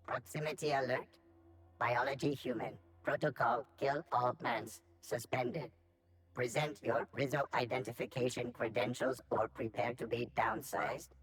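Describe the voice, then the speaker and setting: An actor voicing an officious security robot in a video game, formal, bureaucratic and deadpan, with flat menace. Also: medium pitch, measured pace, creaky, music in the background. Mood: cold threatening. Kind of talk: scripted video game dialogue.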